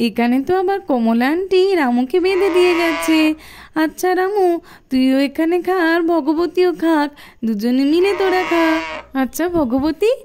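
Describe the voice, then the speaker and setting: A woman's voice: extremely high pitch, darkish tone, a little hiss or hum. A woman voicing an eager, caring schoolgirl in a doll cartoon. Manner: eager, pleading.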